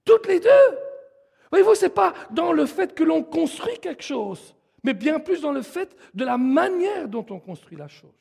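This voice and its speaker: Male preacher, high voice, slow emphatic delivery, long hall reverb. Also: sing-song, creaky, darkish tone. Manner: emphatic, leads the congregation in song. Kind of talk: sermon.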